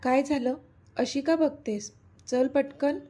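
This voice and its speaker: A woman's voice: sits high, fairly even intonation, slow pace, mellow. A woman voicing a cruel, mocking male villain who taunts and sneers, in a storybook reading. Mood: sneering.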